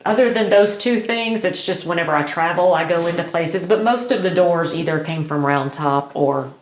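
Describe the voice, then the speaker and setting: Echoey, lower-pitched middle-aged American woman. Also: moderate pace. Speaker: homeowner giving a house tour. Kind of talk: casual chat. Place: large high-ceilinged bedroom indoors. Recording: roomy echo of a bare bedroom.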